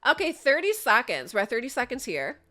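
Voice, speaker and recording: With huge pitch swings from a fairly high range, she talks a little fast in a pushed, bright voice. The young gaming creator gives viewers chatty, upbeat commentary on her play while sniffly from a sinus infection, recorded indoors on a desk mic.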